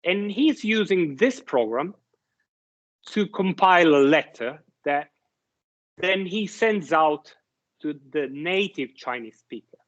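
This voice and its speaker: A man delivers a university lecture, explaining ideas haltingly with many restarts and fillers while frequently checking in with his listeners. His voice is on the high side and animated.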